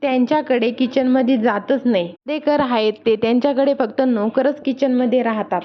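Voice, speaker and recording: A woman's voice: a little high, normal speed. A woman casually retelling a serial episode, quoting each character in turn. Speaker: serial recap narrator. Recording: dull lo-fi recording.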